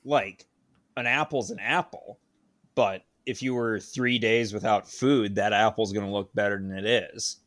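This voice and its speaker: A man's voice: fairly low pitch, fairly even intonation, moderate pace, fairly bright tone. A man co-hosting a podcast, chatting casually in a wry, rambling way. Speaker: podcast co-host. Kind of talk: casual banter.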